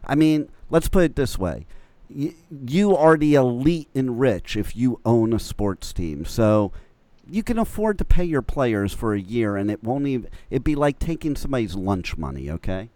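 A man's voice: medium pitch, sing-song, moderate pace, warm tone, no room sound. A man co-hosting a radio show, teasing his co-hosts with crude jokes and blunt opinions. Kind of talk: crude banter on morning radio.

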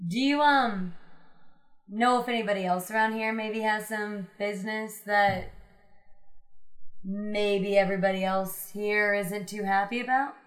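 A woman's voice: medium pitch, steady tone, measured pace. A woman playing her character in a tabletop role-playing game, asking direct, probing questions. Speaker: player.

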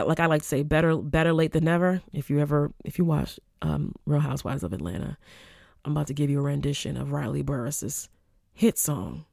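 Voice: medium pitch, vocal fry, darkish tone, dry recording, clean studio sound. A podcast host talking casually on their own, rambling and chatty, with lots of filler words and restarts. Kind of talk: casual solo podcast monologue.

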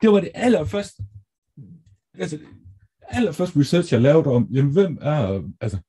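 A Danish man co-hosting a podcast in casual chat, upbeat and lively, egging on his co-host. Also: a little high, breathy edge.

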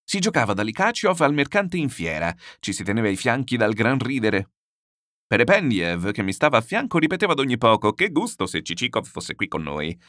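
A blustering, shouting landowner voiced by a man rambles through his boasts. His voice leaps and swings widely. It is a storybook reading in a dry, close recording. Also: medium pitch, sing-song, fairly quick, no echo. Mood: boisterous.

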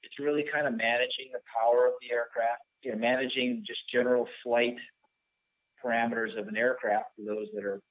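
A man in his fifties, a helicopter pilot with a fire department, answering interview questions thoughtfully and pausing to search for words. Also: medium pitch, little pitch movement, no room sound. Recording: tinny phone line.

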